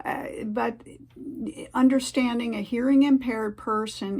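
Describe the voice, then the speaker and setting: A woman's voice: medium pitch, vocal fry, darkish tone. A woman giving casual, earnest advice to the camera, rambling a little with fillers and restarts. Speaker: vlogger sharing tips.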